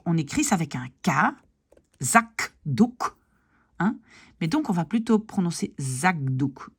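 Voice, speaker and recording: A woman's voice: mid-range voice, slightly rough. A woman teaching pronunciation, patiently repeating example words one by one and often checking that her students follow. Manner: asks "d'accord?" and "ok?" to check understanding. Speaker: language teacher. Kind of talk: pronunciation lesson.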